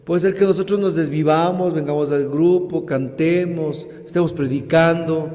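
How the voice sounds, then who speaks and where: A male preacher giving a sermon, telling a story dramatically and loudly acting out the voices in it. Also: fairly high pitch, fairly even intonation, moderate pace. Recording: echoey hall reverb.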